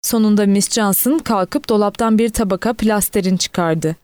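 A woman reading a novel aloud in steady audiobook narration, lightly voicing the quoted characters. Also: medium pitch, moderate pace, dry recording.

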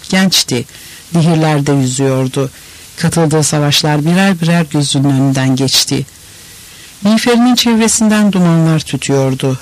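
A man reading a novel aloud in a measured, expressive storytelling manner. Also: fairly high pitch, rough recording. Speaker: narrator. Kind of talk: scripted audiobook narration.

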